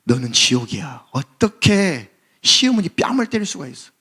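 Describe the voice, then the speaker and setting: A man acting out a devil who keeps accusing and condemning a young wife, in a lowered voice during a sermon. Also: sing-song, moderate pace, pushed and bright, slightly rough, full character voice.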